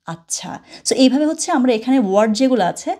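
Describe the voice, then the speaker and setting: Teacher, female, chatty and a little high-pitched, mellow tone, walks the viewer through the lesson. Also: animated, brisk. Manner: chatty, mixes in English phrases, repeats words after the audio. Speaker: language teacher. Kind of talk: screen-share lesson.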